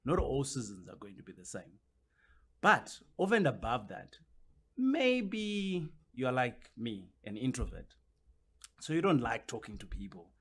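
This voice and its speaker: A man's voice: mid-range voice, wildly swooping pitch, a little slow, husky. A man, a guest on a podcast interview, explaining his points at length and often circling back with "which basically means".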